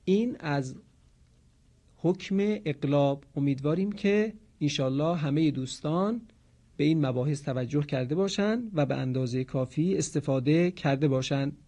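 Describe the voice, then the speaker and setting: Man teaching Quran recitation rules. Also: on the high side. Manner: explains calmly, then chants examples slowly and drawn out. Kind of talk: teaching lesson with slow recited examples.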